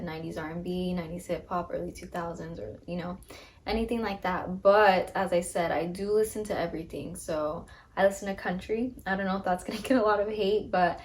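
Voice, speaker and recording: A woman in her twenties chatting casually about herself, upbeat and full of ums, recorded on a phone. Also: on the low side. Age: 20s. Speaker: podcast host. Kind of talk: casual get-to-know-me chat. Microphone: phone camera.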